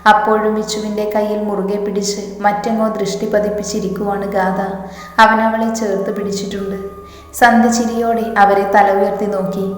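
A woman reading a romance story aloud in a steady, gentle way. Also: mid-range voice, normal speed, slight background noise. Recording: echoey reverberant room.

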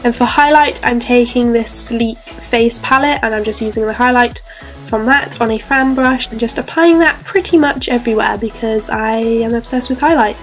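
A young adult beauty vlogger chats through a makeup tutorial in a slightly high voice at normal speed, with faint music behind her. She's bubbly and talkative, saying "so yeah" a lot, and sounds a bit stuffy from a cold. She's in a bedroom with a clothes rail.

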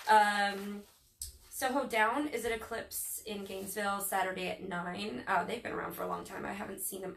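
Chatty woman reading event listings, a bit hoarse. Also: mid-range voice, fairly bright tone. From Northern Virginia. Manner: chatty, many ums, loses her place. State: losing her voice. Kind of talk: casual live-stream chat. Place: local speed shop, indoors. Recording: echoey room, far from mic, faint noise.

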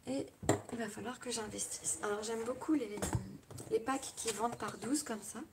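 A woman's voice: on the high side, steady tone, moderate pace. A woman with a French accent hosting a casual live crafting tutorial, chatting her way through each step with small asides. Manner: chatty, narrates each step with little "hop" and "voilà" asides. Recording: loud background noise with clicks.

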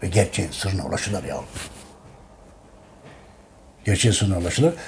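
A man's voice: on the low side, dark tone, slight background noise. A man hosting a casual history monologue, talking emphatically and repeating his points while addressing his listeners as friends. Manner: emphatic, preaching tone. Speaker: history channel host.

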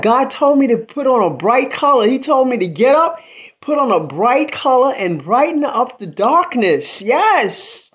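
A woman's voice: deep voice, vocal fry. An 82-year-old woman chatting on a phone livestream from a small room at home, calling out praise and thanks to God between greetings to viewers. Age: 80s. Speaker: livestream host. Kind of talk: casual livestream chat. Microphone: phone at arm's length.

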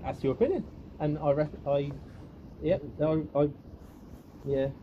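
A middle-aged man, a police officer talking calmly and placatingly. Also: on the high side, unhurried. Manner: calm, placating, conversational. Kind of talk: spontaneous conversation. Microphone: body-worn camera. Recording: muffled body-camera audio with vehicle noise.

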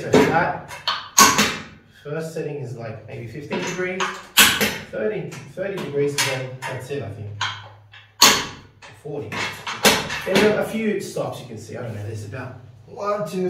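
Showing off his small indoor home gym and its power rack, this fitness host in his thirties rambles casually, frequently ending lines with "right?" He speaks at normal speed with lively intonation, a slightly high pitch and frequent pauses. The camera mic sits far off in a very echoey room, with heavy background noise.

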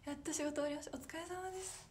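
A woman's voice: high voice, steady tone, rapid-fire, a little mellow, a little hiss or hum. A young woman idol chatting casually on a livestream, apologetic and giggly, answering viewer comments. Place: small room with echo.

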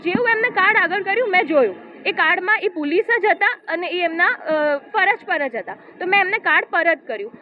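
A woman giving a steady first-person account of an incident, quoting what was said to her. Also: very high voice, fairly quick, few pauses, faint music behind. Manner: steady retelling, quotes dialogue. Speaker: complainant giving a statement. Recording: tinny phone-like audio with faint noise.

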